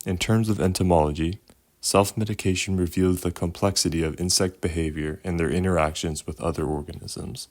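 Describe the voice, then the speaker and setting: A man co-presenting scripted educational narration in a measured, expository manner. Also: low-pitched, steady tone, a little mellow.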